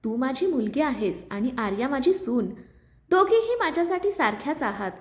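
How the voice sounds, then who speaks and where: A woman reading the part of a stern middle-aged mother-in-law who speaks in a grave, firm, measured way. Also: high-pitched, big pitch swings. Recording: roomy echo.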